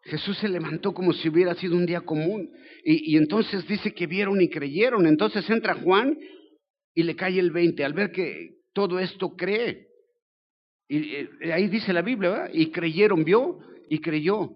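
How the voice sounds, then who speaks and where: Joking older Mexican pastor preaching. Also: male voice, high-pitched, a little slow, highs cut off. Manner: colloquial, joking, lively storytelling. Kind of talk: sermon. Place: church.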